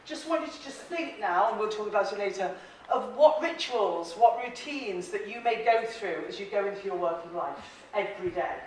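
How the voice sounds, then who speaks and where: She's from Ireland and leads a presentation-skills workshop for a live audience, chatty and supportive, laughing frequently and asking the room questions. Her medium-pitched voice is animated, moderately paced, with few pauses. A little hiss or hum sits under distant, very echoey audio from a large training room that echoes.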